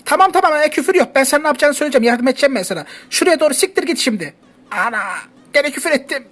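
Man doing a high lecherous little creature. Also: lively intonation, racing, fairly bright tone. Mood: teasing, sly. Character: lecherous foul-mouthed little hobbit creature, teasing. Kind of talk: comedy parody dub.

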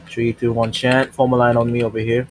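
A man calls out commands to his squad in an online game, repeating each order again and again. His voice is husky and a little breathy. He swears freely while he pushes his team forward. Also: medium pitch, completely flat delivery, a little fast, low-quality recording. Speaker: squad leader giving commands. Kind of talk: gaming voice chat.

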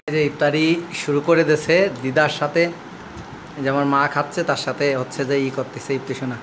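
A middle-aged man chats casually through a family vlog at home, tired from fasting and teasing his child playfully. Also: on the high side, little pitch movement, noisy background. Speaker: family vlogger. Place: family home at the iftar table.

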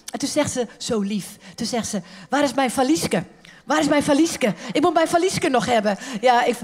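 Casting: a high-voiced woman preacher, chatty and humorous, a lively sermon at a conference. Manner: lively, joking, colloquial, acts out quotes. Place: church conference hall.

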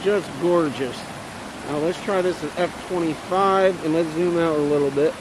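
A man's voice: a little high, normal speed, background noise. A young man chatting enthusiastically to the camera as he drives and hikes to a waterfall, talking about his landscape photography. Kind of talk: casual vlog narration. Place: in a car, then outdoors by a woodland waterfall.

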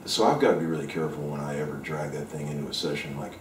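Deep-voiced man guest, loose and frank, swears casually, recorded from across a roomy kitchen. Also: racing, background noise. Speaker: session guitarist guest. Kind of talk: casual interview talk. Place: kitchen at home, indoors. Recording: roomy kitchen sound from a distant mic.

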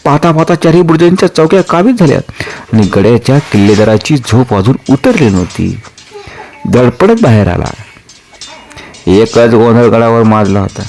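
A man's voice: mid-range voice, moderate pace, a little mellow, soft background music. A man reading a historical novel aloud as a storyteller, narrating dramatically and voicing the dialogue.

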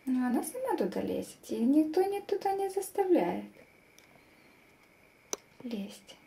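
A woman talking in a hushed voice that often drops to a whisper, fondly teasing a pet as in a casual home vlog. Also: high-pitched, sing-song, measured pace, gravelly, slight background noise. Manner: speaks softly, often dropping into a whisper at night; affectionate, teasing pet talk with diminutives. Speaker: pet owner and amateur plant vlogger. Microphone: handheld phone.

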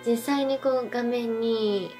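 A woman's voice: a little high, steady tone, slow pace, warm tone, soft background music. A tipsy young woman hosting a casual chat and talking to her viewers. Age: young adult. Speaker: channel host. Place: indoor room, on a sofa at a table.

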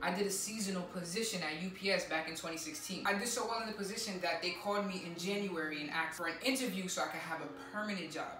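A man's voice: sits high, fast, few pauses, sharp tone, very echoey, recorded from a distance, a little hiss or hum, poor audio. A young man answering viewer questions in a candid, chatty vlog. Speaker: YouTuber and music creator. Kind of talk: casual Q&A vlog.

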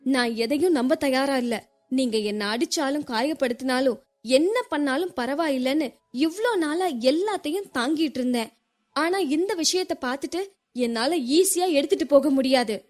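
A woman's voice: high-pitched, normal speed, darkish tone, natural voice. Woman reading a hurt young wife. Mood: hurt, pleading. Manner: pleading, wounded. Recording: long hall reverb.

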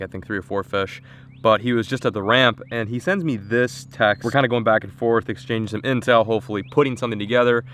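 This young adult's medium-pitched voice has a fairly bright tone, with a little hiss or hum behind it. Filming himself on an action camera in a small boat on a lake, the fishing vlogger chats casually, upbeat and self-deprecating as he thinks aloud.

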